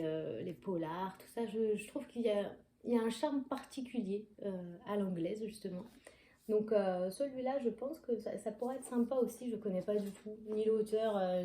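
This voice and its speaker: A woman's voice: medium pitch, warm tone, reverberant. A woman chatting casually in a book haul video, digressive and full of hesitations, reading book blurbs aloud. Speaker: book vlogger.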